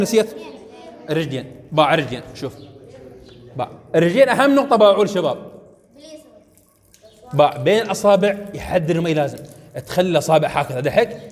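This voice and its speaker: In the ablution area of a mosque, a high-voiced man with an Iraqi Arabic accent gives students a hands-on religious lesson, and the large hall echoes around him. He demonstrates each step and coaxes them along, checking often that they understand.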